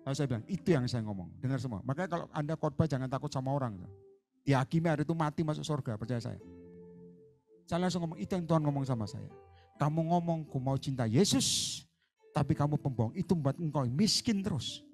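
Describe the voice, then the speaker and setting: A male pastor preaching a sermon, swinging from soft asides to loud fiery exhortation and mixing in English words. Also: on the high side, lively intonation, fast, faint music behind. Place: church hall.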